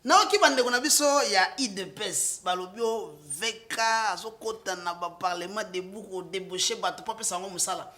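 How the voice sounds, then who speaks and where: A man's voice: high voice, fairly quick, hardly any pauses. A man with a Congolese French accent, a political guest speaking passionately and switching between French and Lingala. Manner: emphatic, rising to loud outbursts, with restarts. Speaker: political guest, party supporter. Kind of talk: impassioned political talk, mixing French and Lingala.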